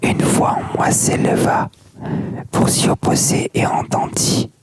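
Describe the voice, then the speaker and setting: An ASMR reader whispering softly without voice, like in a library, reading a book aloud with asides. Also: slow pace. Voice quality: unvoiced soft whisper. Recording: very noisy whisper recording with mouth clicks.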